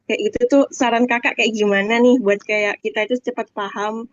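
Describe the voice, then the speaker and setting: A woman's voice: fairly high pitch, steady tone, fairly quick, no room sound. A young female student asking a hesitant question over a video call, with many fillers. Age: young adult. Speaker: student participant. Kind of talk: casual question. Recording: dull lo-fi call audio.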